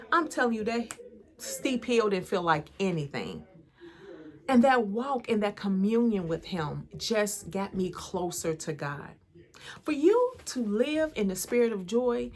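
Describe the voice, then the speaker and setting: An American woman, an empowerment coach and channel host, giving an earnest, conversational inspirational talk about faith straight to camera. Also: mid-range voice. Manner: earnest, conversational, preacher-like encouragement.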